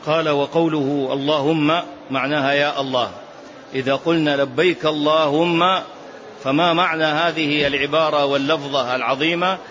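Man teaching a lesson, higher-pitched voice. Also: fairly even intonation, normal speed, fairly bright tone, a little hiss or hum. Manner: repeats key phrases for emphasis, sometimes draws them out in a chant. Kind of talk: classroom explanation of a text. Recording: dull lo-fi lesson recording.

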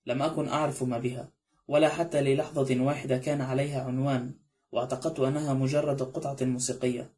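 A man's voice: medium pitch, little pitch movement, fast talker, warm tone, close to an everyday voice. A man voicing an anxious middle-aged butler who pleads and swears his innocence in an audiobook. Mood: pleading.

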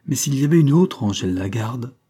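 Frail asthmatic old grandmother, read by a man, raised pitch, dark and husky tone, earnest effortful speech, audiobook reading. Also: lively intonation, a little fast. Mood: pleading.

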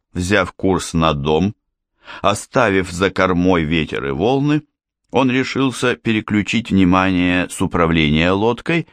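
A man narrating a thriller audiobook with steady, measured storytelling. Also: deep voice, no echo, clean studio sound.

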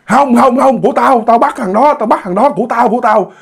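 Guy doing a shrill greedy lady ghost, real high and harsh. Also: big pitch swings, unhurried, vocal fry, full character voice. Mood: fierce. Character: shrieking female ghost, fierce and grasping.

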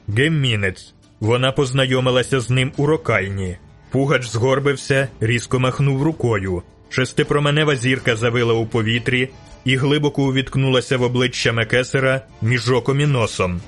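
A man reading a fantasy novel aloud as audiobook narrator, with measured, dramatic storytelling. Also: mid-range voice, fairly bright tone, soft background music. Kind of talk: scripted narration.

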